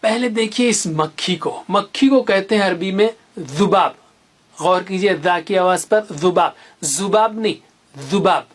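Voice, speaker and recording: Slow, patient Quran reading teacher. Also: medium pitch. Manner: patient, repeats each letter sound slowly; teaches with little memory stories. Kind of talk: tajweed lesson for beginners.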